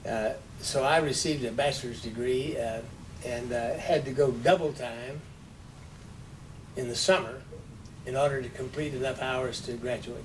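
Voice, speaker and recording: A man in his nineties from Texas, telling stories from his life in an unhurried way with dry humor in an oral history interview. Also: fairly even intonation. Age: 90s. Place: office with large windows. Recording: distant mic, rumbling noise.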